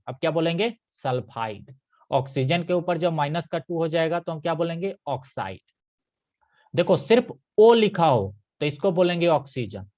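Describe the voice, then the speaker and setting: A man's voice: on the high side, a little mellow. Patient male chemistry teacher, lo-fi sound. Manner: patient, repeats key points with checking questions. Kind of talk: live online chemistry class.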